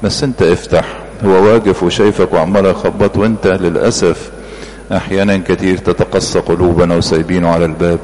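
A man's voice: sits low, darkish tone, big-room sound, a little hiss or hum. A man with an Egyptian Arabic accent preaching a sermon, earnest and emphatic, repeating his phrases.

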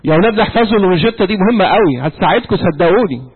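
A man's voice: sits high, expressive, rapid-fire, breathy edge. A man in his sixties with an Egyptian accent, lecturing young people at church, repeating key points and quizzing his listeners. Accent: Egyptian Arabic. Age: 60s. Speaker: church youth speaker. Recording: tinny phone-like audio in a reverberant hall.

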